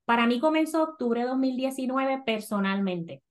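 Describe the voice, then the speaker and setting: Hosting a casual podcast chat, a woman with a Puerto Rican Spanish accent sounds lively and laughs easily, mixing English words into her Spanish. Her pitch is fairly high.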